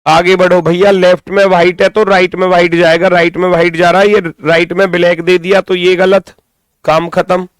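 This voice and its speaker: A man with a high-sitting voice speaks briskly and smoothly in a flat delivery, with no room sound. He's informally teaching a live exam coaching class, thinking aloud, issuing directives and repeating phrases for emphasis. His throat sounds strained as he recovers from losing his voice.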